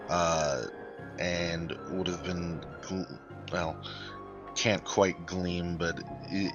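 A man playing a tabletop game, speaking casually in a hesitant, offhand way. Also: sits low. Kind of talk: casual character description. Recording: dull lo-fi mic, loud music. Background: loud background music.

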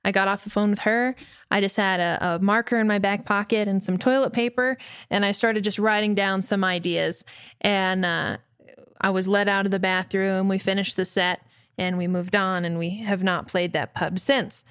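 A woman from New Mexico, a musician being interviewed, telling a story in a lively way and acting out the quotes. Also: medium pitch, normal speed, clear, resonant tone, no room sound, clean studio sound. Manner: lively, acts out quotes with voices. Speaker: musician guest.

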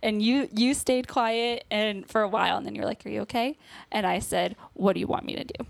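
Slightly fast and gravelly, a young woman's mid-range voice stays fairly even as she shares a personal story as a podcast guest. Laughing nervously, she performs what others said in quoted dialogue. No echo.

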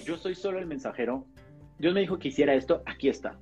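A man who is a pastor, sharing a personal testimony in a casual podcast conversation, animated and acting out the dialogue. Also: fairly high pitch, fast, slightly rough. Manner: animated storyteller, acts out dialogue. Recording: slightly dull podcast audio with faint guitar music.

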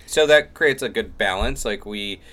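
A middle-aged man hosts a casual podcast in a fairly low voice. He rambles through his thoughts, often doubling back, and talks about himself in a self-deprecating way. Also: moderate pace, pushed and bright. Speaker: podcast host. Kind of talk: casual chat.

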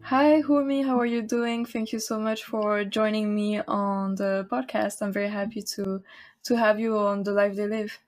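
A woman hosting a podcast interview, friendly, often repeating words and pausing on fillers. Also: mid-range voice, level tone, a little mellow, soft background music. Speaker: podcast host.

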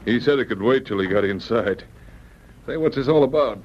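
Man playing Sergeant Preston, steady Mountie, muffled recording. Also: medium pitch, fairly quick, close to an everyday voice. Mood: genial, curious. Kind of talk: old-time radio drama acting. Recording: muffled, noisy old radio recording.

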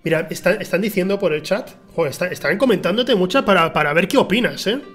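A man with a Spain Spanish accent hosting a casual film chat, animated and opinionated, laughing often. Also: high voice, quick pace, soft background music. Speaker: stream show host.

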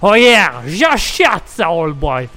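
A man's voice: a little high, fairly quick, clear, resonant tone, faint music behind, close to an everyday voice. A man voicing a brash, wealthy American man in a hammy fake American accent that keeps slipping into English catchphrases.

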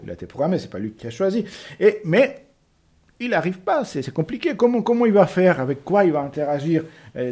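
A man's voice: a little high, darkish tone. A man presenting books in a casual, hesitant way, often searching for his words. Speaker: book presenter. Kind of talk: casual book recommendation.

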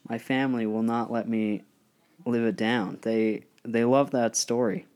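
A man's voice: mid-range voice, steady tone, measured pace, darkish tone, smooth. A young man hosting a casual chat, telling a story about himself with a laughing, self-deprecating manner. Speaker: podcast co-host.

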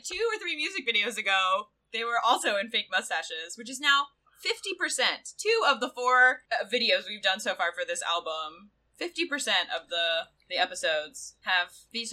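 A woman co-hosting a casual podcast chat, gushing and rambling with lots of "like," dropping into soft asides and then rising into excited outbursts. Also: medium pitch, fairly quick, poor audio. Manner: swings between soft asides and excited shrieks. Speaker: podcast co-host.

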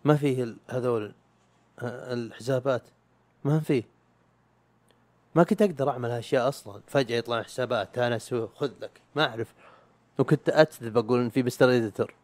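Rapid, rambling man. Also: medium pitch, darkish tone, no room sound. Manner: rambling and self-mocking, with slang and swearing. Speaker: YouTube podcaster. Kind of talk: casual chat.

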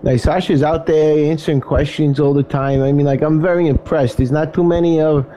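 A man's voice: fairly high pitch, fairly even intonation, fairly quick, warm tone. A man with a Brooklyn accent chatting casually as a radio host, blunt and joking, saying "you know" often, over a noisy voice channel. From Brooklyn, New York. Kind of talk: casual chat.

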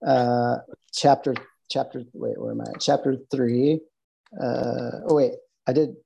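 Easygoing Midwestern guy, husky and dark-toned, rambles through stories on a podcast. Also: mid-range voice, fairly even intonation, measured pace, poor audio. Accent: Midwestern American. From American Midwest. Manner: loose, rambling, lots of fillers and restarts. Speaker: podcast guest, bartender. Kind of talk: casual interview chat.

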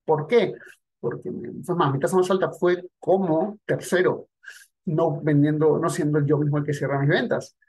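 A man's voice: fairly high pitch, steady tone, moderate pace, a little mellow, husky. A man teaching sales techniques in a direct, conversational monologue aimed at the listener. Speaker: sales coach. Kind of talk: instructional monologue.

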